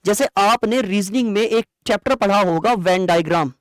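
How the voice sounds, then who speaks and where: In an exam-prep lecture, a teacher explains things conversationally at a medium pitch and normal speed. She poses rhetorical questions, answers them, and repeats key points so they sink in. The recording is dry, with very little room echo.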